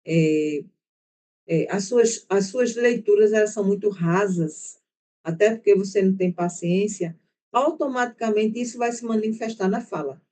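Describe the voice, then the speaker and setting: Teaching online in a Brazilian Portuguese accent, this woman speaks at a normal speed with a medium-pitched, mellow voice. Her explanations run long and conversational, peppered with "né?" and "tá?" as she checks that her students follow.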